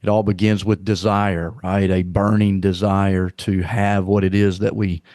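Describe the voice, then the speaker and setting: This middle-aged man from Arkansas speaks with a Southern accent as a podcast guest, chatting casually and earnestly about leadership. His low-pitched voice is a little mellow, with a flat delivery at a measured pace. He rambles and often repeats words, and the studio-quality recording has no echo.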